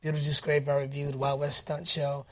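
A man's voice: a little high, normal speed. Upbeat man from Detroit telling stories. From Detroit, United States. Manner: animated, upbeat, with many fillers and restarts. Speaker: interview guest, actor. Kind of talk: casual interview storytelling.

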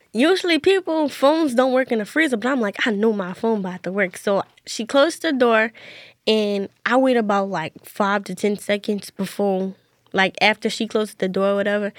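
A young woman telling a personal story in casual conversation, often quoting herself in a hushed voice. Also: medium pitch, no room sound, clean studio sound. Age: young adult. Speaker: interview guest.

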